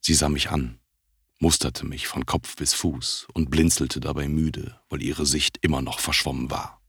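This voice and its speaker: A man reading a first-person audiobook in a calm, measured way. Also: a bass voice, vocal fry, breathy edge, no room sound, clean studio sound. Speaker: audiobook narrator.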